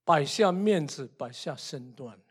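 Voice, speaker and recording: An older man preaching a sermon, emphatic and repetitive, full of rhetorical questions and swinging between soft asides and loud outbursts. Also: on the high side, animated, a little slow, slightly rough.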